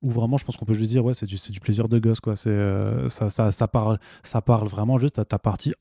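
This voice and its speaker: A man's voice: fairly low pitch, steady tone, brisk, vocal fry, mellow, dry recording, studio quality. A man hosting a casual comics review chat, hesitant and playful, with many fillers and restarts. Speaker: podcast host.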